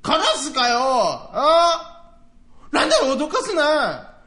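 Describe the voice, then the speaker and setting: A man voicing an excitable, brash young commoner neighbor, talking high, quick and blustering in traditional comic storytelling. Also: vocal fry, exaggerated voice. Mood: indignant.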